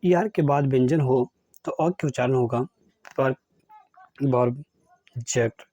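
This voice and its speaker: A man's voice: mid-range voice, slow pace, warm tone, dry recording, lo-fi sound. A man teaching English spelling and pronunciation rules, explaining each rule and then reading out example words one by one. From India.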